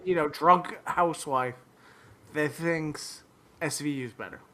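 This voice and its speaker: A man's voice: a little high, unhurried, a bit bright. A man co-hosting a podcast, joking bluntly and swearing in casual film chat. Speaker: podcast co-host.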